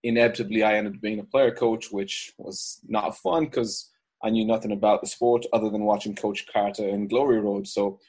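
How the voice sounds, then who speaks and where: Guest: male coach, lowish voice, easygoing and reflective. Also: fairly even intonation, moderate pace, a little mellow, breathy edge. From Ireland. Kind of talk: casual podcast interview.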